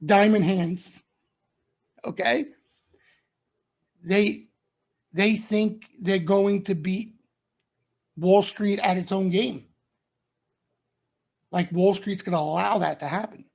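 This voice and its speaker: This middle-aged stock trading commentator delivers a members-only market broadcast in a high-pitched, slow voice with vocal fry, a slightly mellow tone and frequent pauses. He warns listeners emphatically and keeps repeating his points.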